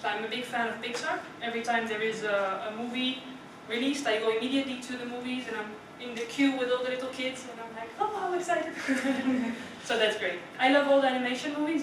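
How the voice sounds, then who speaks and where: A club speaker from the Netherlands, young and female, talks a little fast at a fairly high pitch while giving a prepared speech. She keeps it chatty, asking the audience things and dropping in "right?" again and again. The meeting room sounds echoey, the mic is far off, and there's noise.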